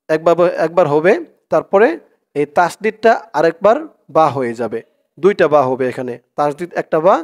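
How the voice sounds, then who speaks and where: A man teaching Quran reading, who spells out each word letter by letter and then chants the verses slowly. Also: a little high, a little mellow. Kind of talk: spelling lesson with recited verses.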